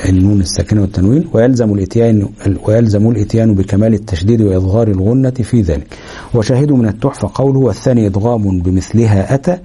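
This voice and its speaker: Fast-talking Egyptian man, dark voice. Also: lowish voice, husky. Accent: Egyptian Arabic. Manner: explains step by step, pauses with fillers, checks understanding. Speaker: Quran recitation teacher. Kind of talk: explanatory lesson.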